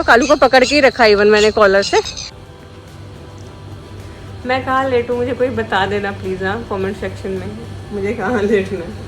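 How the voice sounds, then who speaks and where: A woman's voice: a little high, a bit bright. A woman chatting casually as a vlogger on an outdoor walk, talking sweetly to her dogs now and then. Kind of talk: casual vlog chat.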